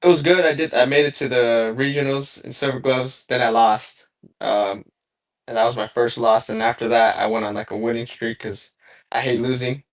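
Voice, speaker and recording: A man's voice: medium pitch, steady tone, moderate pace. A young man from Southern California, a boxer answering interview questions in a laid-back, rambling way with lots of fillers over a remote call. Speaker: boxer guest. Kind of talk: casual interview.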